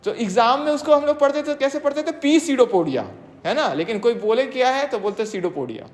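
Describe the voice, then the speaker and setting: A teacher giving an exam-prep lecture, reading English definitions slowly and then explaining them, often checking with quick tag questions. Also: high-pitched. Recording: long reverb, echoey room.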